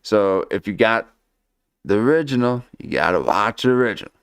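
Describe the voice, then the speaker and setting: A man's voice: fairly low pitch, animated, moderate pace, gravelly, smooth, no room sound. A man hosting a casual reaction livestream, rambling loosely and tagging nearly every phrase with "okay?".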